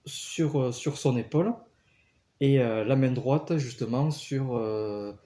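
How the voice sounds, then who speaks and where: Hesitant man with a mellow voice. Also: mid-range voice, slow. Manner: hesitant, many fillers and restarts; earnest, storytelling. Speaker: guest telling personal healing stories. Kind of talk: casual spoken testimony.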